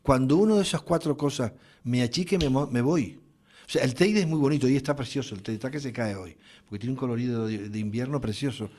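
A man's voice: mid-range voice, quick pace, a little mellow. A man from the Canary Islands with a Canarian accent, arguing emphatically in a radio round-table, often repeating his points. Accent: Canarian Spanish.

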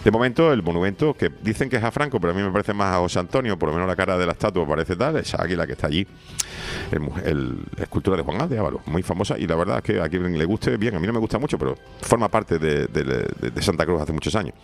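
A man runs through the day's news on the radio in a fairly low voice. He mixes headlines with his own opinions and often stops to hesitate or correct himself. Soft music plays quietly under him. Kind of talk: radio news review with personal commentary.

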